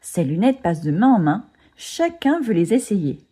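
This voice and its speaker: Storybook narrator: a woman with a warm, mellow tone and very lively, animated intonation. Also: mid-range voice, moderate pace, slightly rough. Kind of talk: storybook reading.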